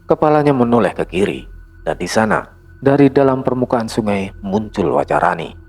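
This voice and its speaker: A man narrating a horror story in a dramatic, hushed storytelling manner. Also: medium pitch, sing-song, normal speed, creaky, faint music behind.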